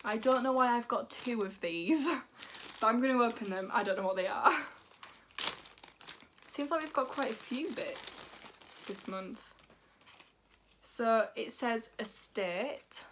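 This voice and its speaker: A teenage girl, gushing and giggly as she chats through a beauty unboxing. Her voice sits a little high for a woman, and she talks in a casual, bubbly way. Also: slow pace, pauses often, fairly bright tone, slight background noise. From England, North Yorkshire. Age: teens. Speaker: beauty vlogger.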